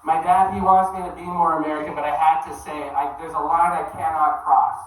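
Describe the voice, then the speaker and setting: A man doing a deadpan, halting stand-up set in a comedy club, from Canada. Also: on the high side. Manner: deadpan, hesitant with many ums and uhs. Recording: very echoey room, from far off.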